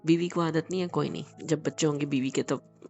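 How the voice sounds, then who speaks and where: A man's voice: a little high, fairly even intonation, a little fast, darkish tone, dull audio, faint music behind, lightly acted. A man playing a tender teasing young husband. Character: affectionate teasing young husband, soothing his wife. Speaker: husband in a romantic audio drama. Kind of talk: intimate romantic audio drama.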